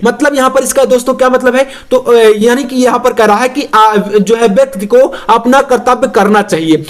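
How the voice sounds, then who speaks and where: A young man teaching English grammar to exam students, explaining slowly and spelling words out letter by letter. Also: very high voice.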